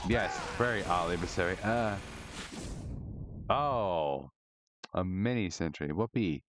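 A man streaming a shooter game live, commenting excitably, swearing a lot and rambling to his chat. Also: deep voice, takes it slowly, slight background noise. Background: game music.

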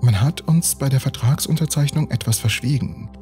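A man voicing a poised, earnest young woman scientist in a calm, measured way. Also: medium pitch, faint music behind, voice pushed up, natural voice.

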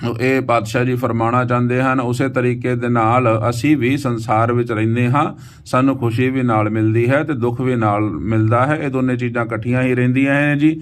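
A man teaching the recitation of scripture verses, chanting each verse slowly and then explaining how to pronounce it in a patient, polite way. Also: mid-range voice. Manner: patient, instructive, polite address to listeners.

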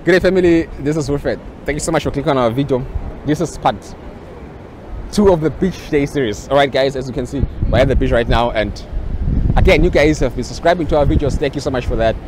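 Speaking fast but a little mellow, a man in his 20s with a medium-pitched voice fronts a casual beach vlog, doing lighthearted, teasing interviews outside. He uses a small handheld mic, and the recording picks up wind and ambient sound.

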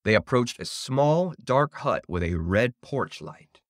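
A man reading a spooky children's story aloud, in an expressive, theatrical way. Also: medium pitch, slow pace, no echo, studio quality.

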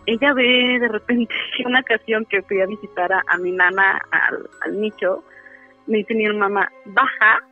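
This caller is a woman with a medium-pitched voice, fairly even intonation, and an unhurried pace, with no room sound on her voice. She tells her story in a relaxed, talkative way, peppered with fillers such as "este." Music plays behind her on a tinny phone line.

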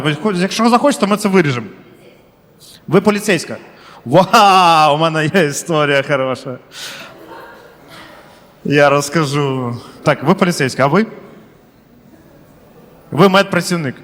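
A man's voice: on the high side, a bit bright, big-room sound. A male stand-up comedian doing crowd work in a comedy club, chatty and slangy, swearing freely.

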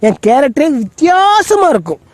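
A man's voice: extremely high pitch, huge pitch swings, normal speed, no room sound, full character voice. An actor playing a boastful, slippery man in a comic film scene, bragging and taunting.

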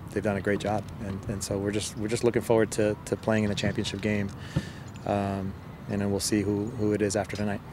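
A middle-aged soccer head coach gives a post-match interview outdoors on the field, his low, flat voice moving in a measured, halting way with repeated words. Loud ambient outdoor noise is clearly audible behind him in this field recording.

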